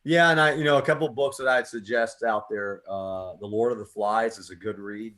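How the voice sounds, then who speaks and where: His voice is low-leaning, a bit bright, fairly even in intonation and fairly quick. As an American poet hosting a poetry radio show, he speaks casually and earnestly in a reflective way, often repeating himself as he thinks.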